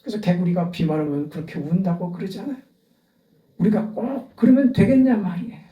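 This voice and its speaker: A man's voice: sits high, expressive, brisk, mellow. A male pastor preaching a sermon with impassioned, swelling appeals. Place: church sanctuary. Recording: echoey church from a distance.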